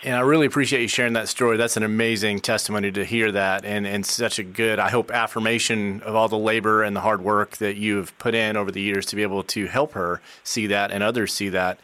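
A man's voice: lowish voice, a bit bright. A man hosting an interview, earnest and encouraging, addressing parents. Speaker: host. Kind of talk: interview conversation.

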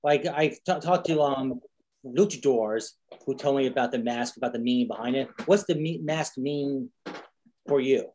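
A man's voice: mid-range voice, moderate pace, darkish tone, slight background noise. A man asking an interview question in loose, rambling phrasing.

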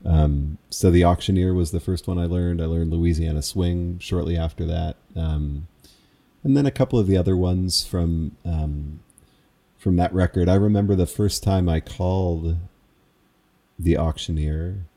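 A man's voice: deep voice, a little slow, mellow. A man who calls square dances, recalling in a casual interview how he learned his craft, in a meandering, reflective, self-amused way.

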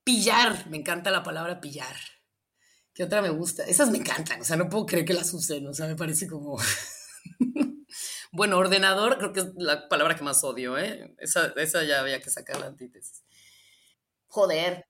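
A young Mexican woman who grew up in Michoacán, answering interview questions and telling stories with lively, acted-out quotes. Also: deep voice, normal speed. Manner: animated storytelling, acts out quoted lines.

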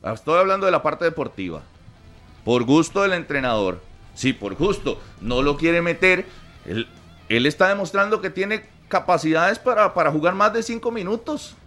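A man's voice: fairly high pitch, lively intonation, normal speed, fairly bright tone, soft background music. A man on a sports panel, firing the same pointed questions again and again. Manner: provocative, keeps pressing questions. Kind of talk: heated sports debate.

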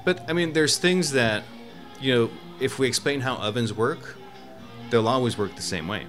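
A man's voice: medium pitch, moderate pace, a bit bright, soft background music. A man who was born in Mexico, talking in a rambling, casual way as a guest about food and cooking. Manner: rambling, many restarts and fillers. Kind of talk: casual conversation.

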